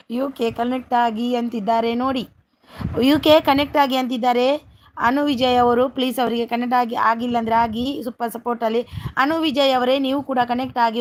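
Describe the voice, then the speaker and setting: Woman live-stream host on a phone, slightly higher voice, chatty, names viewers and asks for likes. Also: slight background noise. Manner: reads out viewer comments, greets each viewer by name, keeps asking for likes. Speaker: livestream host. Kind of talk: casual live-stream chat.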